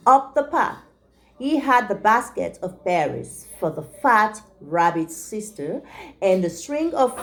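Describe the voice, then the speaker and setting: A female teacher with a mid-range voice reads a picture book aloud to young children, pausing now and then to check in with them.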